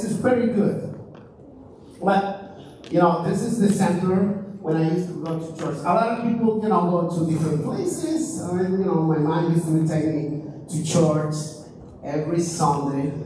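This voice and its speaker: A young man from Ecuador talks with an Ecuadorian Spanish accent, chatty and asking the crowd questions. His voice sits high. The recording is very echoey and picked up from far away, with clear room noise. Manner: chatty, asks the audience questions. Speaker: presenter. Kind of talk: casual talk. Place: school auditorium. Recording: very echoey hall, mic far off.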